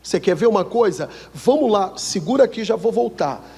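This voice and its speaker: A man with a Brazilian Portuguese accent preaching a sermon, asking the church questions and swinging from loud high lines to low quiet ones. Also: lively intonation, a little fast, vocal fry, slightly rough. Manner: asks the church questions for them to answer. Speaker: pastor. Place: church hall. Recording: long reverb of a church hall.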